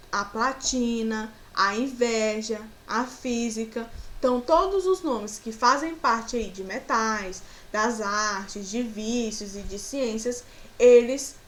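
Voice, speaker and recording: A woman's voice: a little high, a bit bright. A woman with a Brazilian Portuguese accent teaching a grammar lesson to children, patiently walking through example words.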